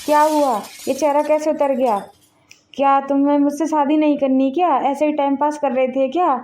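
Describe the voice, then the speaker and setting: A woman's voice: sits high, little pitch movement, moderate pace, mellow, soft background music, natural voice. Woman playing a furious pregnant girlfriend. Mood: angry. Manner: accusing, threatening.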